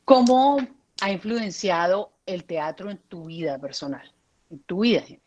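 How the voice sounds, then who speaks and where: A woman's voice: on the low side, animated, moderate pace, a little mellow, lo-fi sound. A woman interviewer asking short, direct questions.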